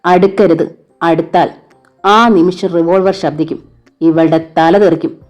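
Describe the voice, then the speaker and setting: A woman's voice: fairly low pitch, steady tone, measured pace, darkish tone, faint music behind, close to an everyday voice. A woman voicing a ruthless male villain who snarls threats. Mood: menacing. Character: menacing crippled male villain, ruthless killer.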